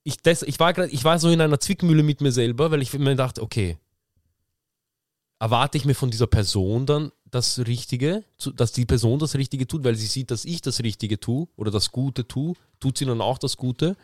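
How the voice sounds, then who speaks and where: A young podcast co-host chats casually, telling animated stories in slangy speech and acting out what his friends said. His voice is medium-pitched at a moderate pace, in a clean studio recording with no room sound.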